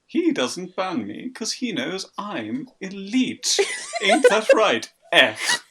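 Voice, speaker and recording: A man's voice: high voice, wildly swooping pitch, slow pace, pushed and bright, slightly rough, pitched above the performer's own voice, heavily acted. A man voicing a smug, posh teenage gamer bully while reading a novel aloud with friends, in a sneering, taunting manner.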